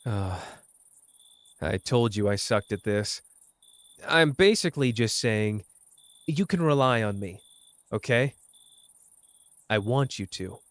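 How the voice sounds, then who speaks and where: A man with a voice on the low side plays a cocky young sorcerer in intimate roleplay audio, speaking informally and teasing his partner tenderly. He talks slowly with lively intonation and long pauses, recorded without echo. The tone is awkward and sincere, and he hesitates when it comes to feelings.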